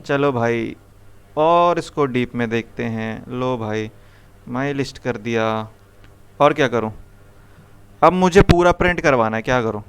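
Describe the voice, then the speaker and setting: A man's voice: medium pitch, measured pace, pauses often, a little hiss or hum. A young man teaching programming to a live classroom, coaxing students with repeated questions. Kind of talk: live classroom coding lesson.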